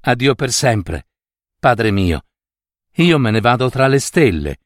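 A man voicing a tender young girl in a storybook reading, raising his voice to sound high and pleading. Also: animated, measured pace, no room sound, clean studio sound, close to an everyday voice. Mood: emotional farewell. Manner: pleading, raised pitch, cries out.

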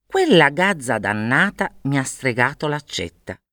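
A woman's voice: rumbling low, sing-song, a little slow, fairly bright tone, no room sound, clean studio sound, full character voice. A woman voicing an eager, cocky young man who mocks and boasts.

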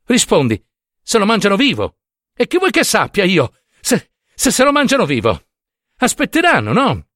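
A man's voice: fairly high pitch, very animated, moderate pace, pauses often, husky, no echo, studio quality, pitched above the performer's own voice, exaggerated voice. A man voicing a flustered young husband, out of breath and exasperated. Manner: panting, pleading then exasperated.

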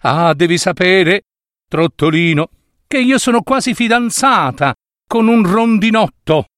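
A man's voice: sits high, animated, unhurried, a bit bright, no room sound, studio quality. A man voicing a polite, slightly prim little princess ball in a storybook.

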